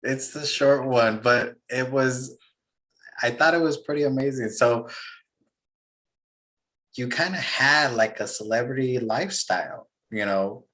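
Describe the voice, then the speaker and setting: A man's voice: mid-range voice, measured pace, pauses often, fairly bright tone. A man hosting a casual interview, asking loose, friendly questions and laughing easily. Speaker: interviewer host.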